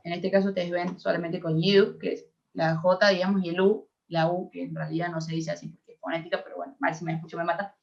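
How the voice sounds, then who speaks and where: A woman's voice: lowish voice, little pitch movement, quick pace, vocal fry, a little mellow, slight background noise. A young woman with an Argentine accent teaching an English grammar class, explaining patiently and checking that her students follow. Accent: Argentine Spanish. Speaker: English tutor. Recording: dull lo-fi audio.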